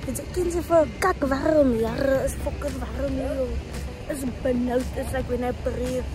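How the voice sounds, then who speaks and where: A young South African woman with a fairly high-pitched voice, in a rough recording, chats casually with her viewers in a travel vlog. She's a travel vlogger who calls them babes and drops in Afrikaans words.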